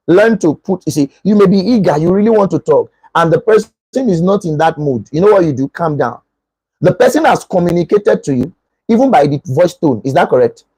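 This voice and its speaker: Husky high-voiced Nigerian pastor. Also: male voice, dry recording, low-quality recording. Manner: animated, acts out dialogues. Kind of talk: relationship teaching.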